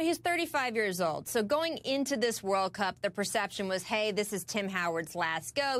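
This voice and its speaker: A woman's voice: on the high side, fairly bright tone. A woman with an American accent reporting sports on the news in an enthusiastic, emphatic, conversational way. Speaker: sports correspondent on a news broadcast.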